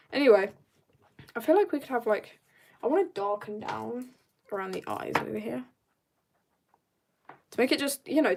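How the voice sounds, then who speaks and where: Here a young woman, teen or young adult, chats and draws on an art stream, her talk loose, slangy, giggly and full of tangents. Her voice sits a little high with a darkish tone.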